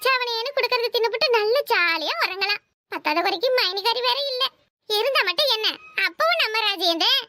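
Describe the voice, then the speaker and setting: This is cartoon voice acting in which a woman, using a Kanyakumari Tamil accent, portrays a scheming and bossy young married woman. Her very high, animated voice comes through with background noise as she bosses, scolds, and chatters rapidly.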